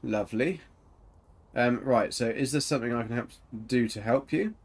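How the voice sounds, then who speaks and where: A man's voice: mid-range voice, moderate pace. A man giving chatty, cheeky commentary while playing a video game. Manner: chatty, cheeky, laughs often. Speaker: streamer. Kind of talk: casual gameplay commentary.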